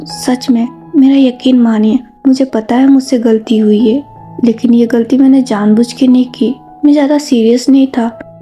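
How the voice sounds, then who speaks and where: A woman voicing a gentle young man who pleads and apologizes. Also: high-pitched, lightly acted.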